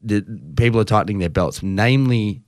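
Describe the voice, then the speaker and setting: A man's voice: lowish voice, fairly quick, a little mellow, dry recording, studio quality. A man co-hosting a podcast, chatting casually in a rambling way, often breaking off his sentences for jokey asides. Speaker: podcast co-host. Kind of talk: casual chat.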